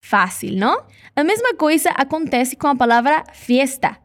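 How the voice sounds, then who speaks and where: High-voiced Brazilian woman teaching pronunciation. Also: big pitch swings. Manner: slow model repetitions of words. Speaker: Spanish teacher. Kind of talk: scripted pronunciation lesson.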